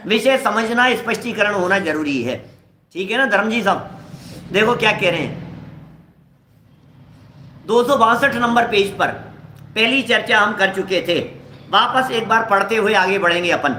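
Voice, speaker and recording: Middle-aged male scripture teacher, high voice, chatty lecture with acted-out examples, echoey room. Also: measured pace, long pauses, sharp tone, a little hiss or hum. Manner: conversational, explains with everyday examples, acts out quoted dialogue. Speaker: religious teacher.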